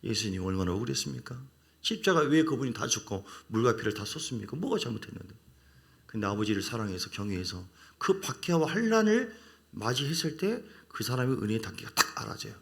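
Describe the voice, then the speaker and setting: A male pastor with a Jeolla Korean accent, preaching a sermon in an animated way and acting out the voices of the people he quotes. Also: mid-range voice, fairly quick.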